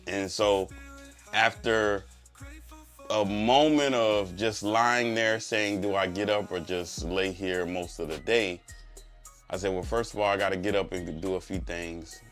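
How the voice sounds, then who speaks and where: A man's voice: deep voice, unhurried, a bit bright. A slightly congested man giving a faith-filled motivational talk as a preacher, driving points home with repetition and rhetorical questions. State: congested, under the weather. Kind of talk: motivational speech, faith testimony. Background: music.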